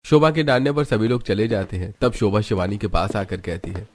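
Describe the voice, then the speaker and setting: Man, storybook narrator, scripted, even delivery, low voice. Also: fairly quick.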